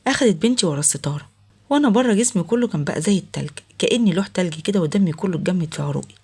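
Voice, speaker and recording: A woman with an Egyptian Arabic accent telling a family story in the first person, in a steady narrating delivery. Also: fairly low pitch, rapid-fire, slightly rough.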